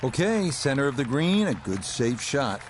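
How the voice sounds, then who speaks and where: A man giving measured, descriptive golf commentary as the lead play-by-play voice. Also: mid-range voice, sing-song, a little hiss or hum. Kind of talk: sports commentary. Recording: loud music and crowd behind voice. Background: music, crowd, outdoor ambience.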